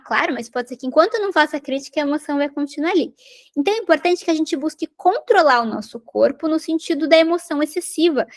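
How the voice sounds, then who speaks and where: A woman giving a recorded lesson on parenting skills, explaining patiently and checking in with tag questions. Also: high voice. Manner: explanatory, repeats and rephrases points, tag questions. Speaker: parenting educator.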